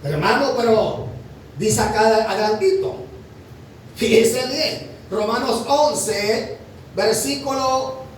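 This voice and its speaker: High-voiced preacher in an echoey hall. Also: male voice, takes it slowly, distant mic, slight background noise. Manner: emphatic, rhetorical questions, addresses listeners as brother. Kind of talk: sermon.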